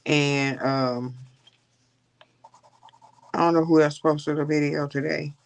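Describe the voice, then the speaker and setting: A woman's voice: sits low, fairly even intonation, slow pace. A woman hosting a casual coloring livestream, rambling and chatting with her viewers. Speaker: livestream host.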